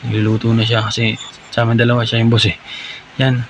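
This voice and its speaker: A man's voice: mid-range voice, completely flat delivery, fast, very noisy. A young Filipino man with a Filipino accent narrating his food trip vlog in a rambling, chatty voice-over, ending many lines with "no?". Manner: admits he is still learning voice-over, unsure of his volume. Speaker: vlogger.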